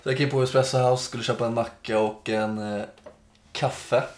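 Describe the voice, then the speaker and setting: A man's voice: medium pitch, flat delivery. A man in his twenties, a podcast co-host, rambling through a casual story and acting out the dialogue. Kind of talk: casual chat. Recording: echoey room.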